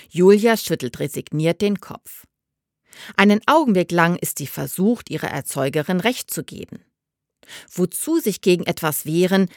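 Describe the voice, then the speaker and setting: A woman narrating a novel as an audiobook in a measured, expressive way. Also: fairly low pitch, no echo, clean studio sound. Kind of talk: scripted narration.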